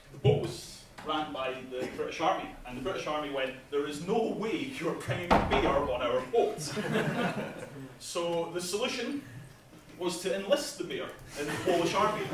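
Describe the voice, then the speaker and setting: Faint noise and heavy hall echo surround a game developer speaking from a distance to the mic. With a fairly high-pitched voice, he gives a chatty, casual presentation about his game at an industry event, chuckling at his own jokes and using ums to fill pauses.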